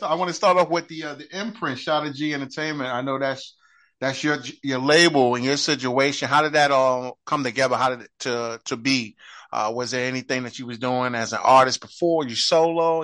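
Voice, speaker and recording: A man's voice: mid-range voice, fairly bright tone, no echo. A male podcast host, chatting in a friendly, slangy way. His voice is recorded dry and close, with no room sound. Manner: friendly, slangy, quick affirmations. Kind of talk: casual interview.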